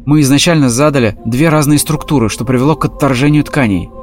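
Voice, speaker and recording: A man's voice: medium pitch, quick pace, faint music behind, natural voice. A man voicing a weary, technical male hedgehog who speaks dryly and in a businesslike way in a storybook reading.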